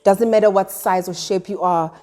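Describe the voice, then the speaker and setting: A South African woman with a warm, mellow tone and an ordinary pitch. She talks earnestly and reflectively in a relaxed group conversation. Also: normal speed. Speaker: guest. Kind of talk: casual group chat.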